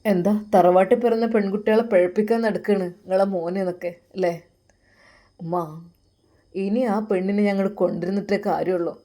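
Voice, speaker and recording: A woman's voice: mid-range voice, fairly even intonation, normal speed, mellow, close to an everyday voice. A woman voicing a hurt, determined young man in a Malappuram Malayalam accent. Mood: earnest. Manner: earnest and resentful.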